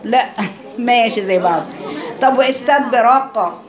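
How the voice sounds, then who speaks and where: High-voiced Egyptian woman teaching a class. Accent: Egyptian Arabic. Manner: quizzes students, models recitation slowly. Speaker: Quran recitation teacher. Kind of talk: classroom lesson. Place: classroom full of students. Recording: crowd noise behind.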